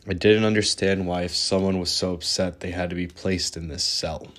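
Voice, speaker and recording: A man's voice: low voice, steady tone, moderate pace, a bit bright. A young man hosting his own podcast, telling his life story in an earnest, candid way with small restarts. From born in Israel, raised in New York. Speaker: podcast host. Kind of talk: personal storytelling monologue.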